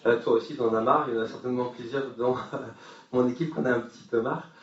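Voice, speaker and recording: A man's voice: mid-range voice, steady tone, fast talker. A man giving a talk at a forum, telling an anecdote with humor and many hesitations. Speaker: speaker at a forum. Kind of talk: conference talk. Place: conference hall with audience. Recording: far-off echoey hall, dull sound.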